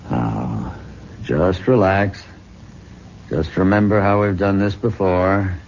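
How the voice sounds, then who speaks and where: A male actor voices a possessive, condescending middle-aged professor and hypnotist in an old-time radio drama, coaxing with deliberate, hypnotic intent. His voice is deep with vocal fry, a little mellow and heavily acted, on a muffled, noisy old recording.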